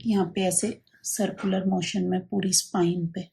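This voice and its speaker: A woman demonstrating baby massage in a hushed, soft-spoken way, often checking in with her listener. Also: fairly low pitch, flat delivery, measured pace, gravelly, breathy edge.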